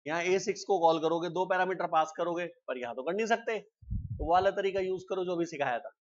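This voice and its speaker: A man teaching a live programming class, explaining step by step and often asking students quick check questions. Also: high-pitched, dull audio. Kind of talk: live classroom coding lecture.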